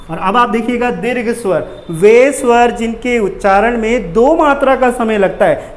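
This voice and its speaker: A man teaching a lesson with a Rajasthani Hindi accent, who repeats key phrases and asks questions that he answers himself. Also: high voice. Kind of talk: classroom lecture.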